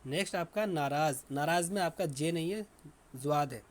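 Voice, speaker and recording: Male teacher, slightly high voice, slow repetitive dictation for a children's lesson.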